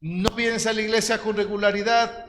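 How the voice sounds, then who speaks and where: A man's voice: high voice, flat delivery, normal speed, background noise. A man, preaching a teaching sermon in an earnest, direct way and calling his listeners brothers. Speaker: pastor. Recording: long hall reverb.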